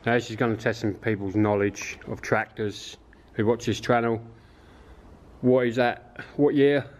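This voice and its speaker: This unhurried, slightly mellow man from England keeps a steady medium pitch as he vlogs his urban exploration of an abandoned farm. He moves outdoors and through derelict barns, talking to viewers and wondering aloud, with a little hiss or hum in the audio.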